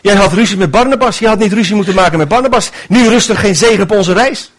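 Man playing a reproachful, grumbling jailed apostle, sarcastic and raised in pitch. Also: fast talker.

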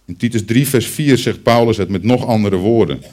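A preacher with a deep, low-pitched voice delivers a Christmas sermon. He speaks straight to the children and the congregation, drawing them in with a story. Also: fairly quick, a little mellow. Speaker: pastor.

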